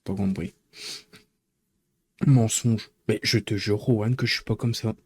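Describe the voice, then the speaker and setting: A man's voice: on the low side, steady tone, measured pace, a little mellow, husky, no room sound. A man chatting casually with his live-stream viewers, rambling and joking as he teases the chat.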